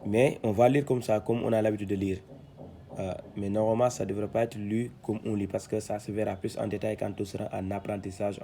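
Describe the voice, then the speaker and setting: A man teaching Quran reading, sounding out syllables loudly one by one, then explaining calmly with many hesitations. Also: on the low side, gravelly, slight background noise. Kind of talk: slow syllable-by-syllable reading lesson.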